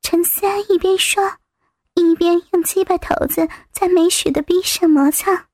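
A woman reading a story aloud as narrator, in a soft, slightly breathy manner. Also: very high voice, steady tone, a little slow, dry recording, studio quality.

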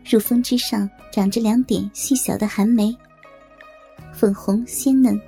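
A woman storyteller narrating a historical tale in a steady, even-paced reading. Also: on the high side, a little slow, vocal fry, faint music behind.

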